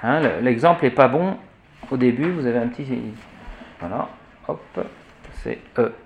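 A man's voice: medium pitch, expressive, normal speed, highs cut off, a little hiss or hum. A man teaching church Latin pronunciation to a class, spelling out letters and repeating example words with frequent hesitations. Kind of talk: classroom lesson.

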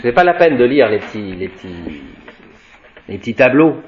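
Man, Latin teacher, mid-pitched, explanatory classroom delivery with restarts; dull lo-fi classroom recording. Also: sing-song. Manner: slow explanatory, tags sentences with "hein" and "voyez", frequent restarts; spells out Latin words slowly, chanting declensions. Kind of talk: classroom lecture, reading from a textbook and commenting.

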